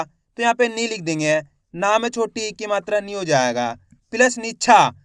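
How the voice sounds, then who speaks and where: A man's voice: high voice, a bit bright, clear, resonant tone, dry recording, clean studio sound. A man teaching beginners to read, sounding out each word syllable by syllable and patiently repeating it before blending it together. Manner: spells words out syllable by syllable, then blends them. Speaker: Hindi reading teacher. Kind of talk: beginner reading lesson.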